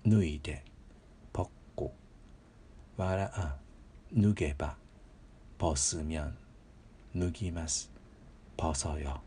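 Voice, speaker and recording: A man giving a patient, measured grammar lesson, repeating example words slowly and pausing often with fillers. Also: extremely low pitch, mellow, slight background noise. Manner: polite instructional phrasing with frequent filler pauses. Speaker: language teacher.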